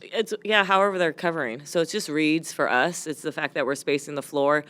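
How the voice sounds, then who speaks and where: A woman head coach answering post-game press questions, her voice hoarse from yelling, speaking candidly with lots of fillers. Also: deep voice, fairly quick. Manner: candid, rambling with frequent fillers.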